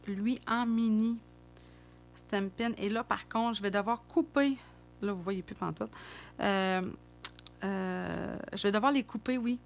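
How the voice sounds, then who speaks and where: A middle-aged woman with a Québécois French accent, chatting casually and thinking aloud as she demonstrates card making. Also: medium pitch.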